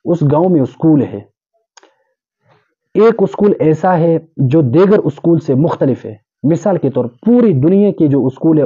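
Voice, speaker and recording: A man's voice: on the high side, dark tone, dull audio. A man delivering an earnest sermon, exhorting listeners and explaining with everyday examples. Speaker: Islamic preacher. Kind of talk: urdu sermon.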